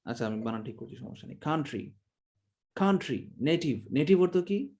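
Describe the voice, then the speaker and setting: A man's voice: a little high, animated, fast talker, warm tone. A Bangladeshi man teaching an online exam-prep class in a chatty, joking way, acting out how words are said. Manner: chatty, joking, demonstrates pronunciations.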